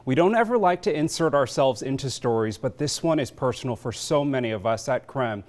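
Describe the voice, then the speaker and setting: A man anchoring the news, reading a scripted segment in a measured, earnest way. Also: mid-range voice, animated. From United States.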